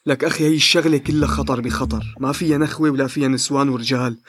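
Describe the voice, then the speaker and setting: An actor playing a cautious, self-serving villager in a radio drama, evasive and defensive in Levantine Arabic. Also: male voice, medium pitch, fairly even intonation, very fast, lightly acted. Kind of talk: audio drama acting.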